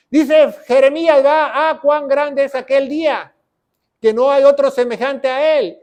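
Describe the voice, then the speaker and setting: A male pastor preaching a teaching sermon, emphatic, asking rhetorical questions and rising loud on scripture quotes. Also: high-pitched.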